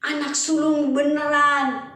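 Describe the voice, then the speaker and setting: A woman with a high voice tells a Bible story to children, lively and full of questions for her young listeners. She sounds distant, in a very echoey church hall. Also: slow pace. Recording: echoey hall, mic far off.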